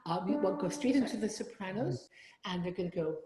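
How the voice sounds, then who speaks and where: Speaking briskly at medium pitch, a woman directs an online choir from her home room, singing example phrases between instructions. Loud music sits behind her voice on a roomy, reverberant video call.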